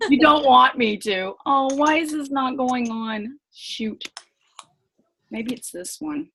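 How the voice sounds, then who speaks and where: A woman with a high, slightly bright voice and vocal fry speaks slowly over a computer mic with a little hiss or hum. As a team leader running a casual live online sales training, she starts flustered and apologetic, swearing under her breath, then turns chatty and encouraging.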